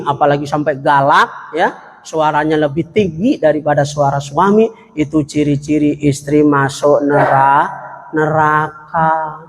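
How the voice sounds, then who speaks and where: A man preaching a humorous sermon in a mosque hall, joking and acting out little exchanges, and drawing out Arabic verses in a chant. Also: on the high side. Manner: jokey, acts out little dialogues. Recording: echoey hall.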